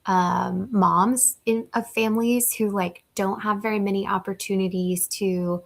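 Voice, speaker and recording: A woman's voice: medium pitch, fairly even intonation, vocal fry. A woman co-hosting a casual podcast, chatting and readily agreeing with her partner. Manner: chatty listener, quick to agree and react. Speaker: podcast co-host. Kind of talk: casual chat.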